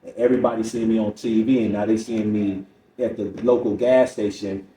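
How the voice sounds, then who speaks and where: With a fairly low, mellow voice and little pitch movement, a middle-aged comedian talks openly on a podcast, moving fairly quickly through stories and quotes from others. Faint noise, a distant mic, and roomy echo are audible.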